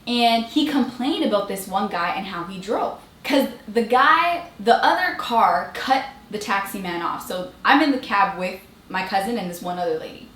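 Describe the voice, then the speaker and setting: A young woman telling funny travel stories in a casual vlog, animated and laughing often as she acts out the people she quotes. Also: mid-range voice, normal speed, hardly any pauses. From Eritrean family abroad. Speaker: beauty vlogger. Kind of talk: casual storytelling while doing makeup. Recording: echoey room.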